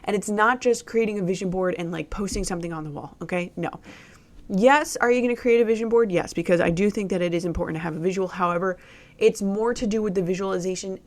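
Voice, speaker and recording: A woman's voice: mid-range voice, fast talker. A woman hosting a solo podcast, giving business coaching advice in an emphatic way and repeating key words.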